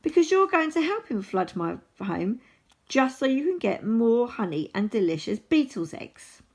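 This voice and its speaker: A cross, indignant rabbit from a children's storybook, voiced by a woman reading aloud. The voice is raspy and swoops up and down. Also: fairly high pitch, very animated, moderate pace, a little mellow, voice pushed up, heavily acted. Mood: accusing.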